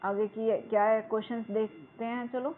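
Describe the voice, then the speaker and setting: A woman teacher explains a school English lesson. She reads the English lines slowly and word by word, then explains them in Hindi. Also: on the high side, little pitch movement. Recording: tinny phone-like sound.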